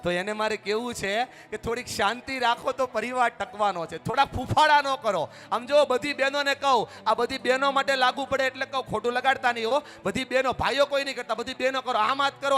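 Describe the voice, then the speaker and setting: Loud high-voiced man rallying a crowd. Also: a little fast, soft background music. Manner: loud and exhorting, leading the crowd in chants, sometimes shouting. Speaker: motivational speaker at a family gathering. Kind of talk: energetic public speech with audience call-and-response.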